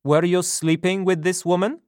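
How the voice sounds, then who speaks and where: Man doing a blunt, loud police officer. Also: sits high, steady tone, moderate pace, clear, resonant tone, no echo, studio quality, pitched above the performer's own voice, close to an everyday voice.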